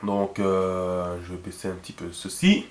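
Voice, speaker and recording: A man's voice: low-pitched, level tone, a little slow. A man teaching a lesson, patient and checking often that the viewer follows. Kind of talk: instructional video lesson. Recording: echoey room.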